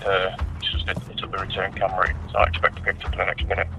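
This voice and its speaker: A man's voice: low-pitched, completely flat delivery, very fast, creaky, pushed and bright. Policeman's pursuit commentary over music.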